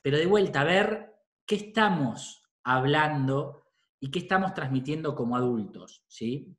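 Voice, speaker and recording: A man's voice: a little high, animated, unhurried, fairly bright tone, echoey room. A middle-aged man with a Rioplatense Spanish accent, a psychologist giving parents an informal talk, often checking in with a questioning "¿sí?". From Argentina. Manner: conversational, often adds a questioning "¿sí?".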